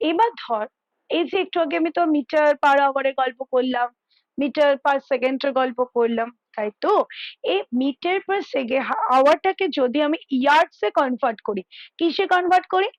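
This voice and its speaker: Woman math tutor, high voice, dry close sound, patient step-by-step explainer on a headset call from home. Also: animated, measured pace, no room sound, lo-fi sound. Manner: explains step by step, checks in often. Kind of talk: casual tutoring over a call. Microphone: headphones.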